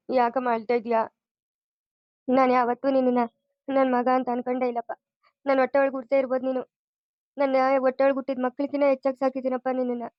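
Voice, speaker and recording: A tearful middle-aged mother, voiced by a woman, laments in a flat, sorrowful voice. The cartoon's sound is dull and lo-fi, with no room echo. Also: a little high, natural voice.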